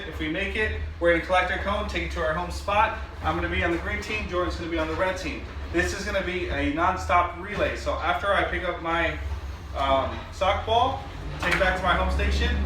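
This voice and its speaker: Brief: high-voiced, breathless PE teacher, a man cheering on a workout and explaining a game, recorded from far off in an echoey space with music under him. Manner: upbeat, encouraging, instructive. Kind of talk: energetic workout coaching and lesson explanation.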